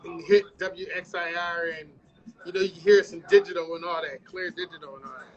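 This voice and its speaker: High-voiced, loose-talking radio host. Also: male voice, steady tone, a little fast. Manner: loose, joking, rambling with cursing. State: frog in his throat. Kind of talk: casual radio interview chat. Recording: muffled livestream audio.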